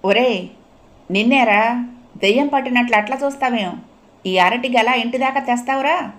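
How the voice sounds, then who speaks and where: A woman's voice: on the high side, moderate pace, a bit bright, pitched above the performer's own voice, natural voice. A woman voicing an overbearing village man who bosses a boy around and mocks him. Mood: jeering. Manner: bossy, jeering.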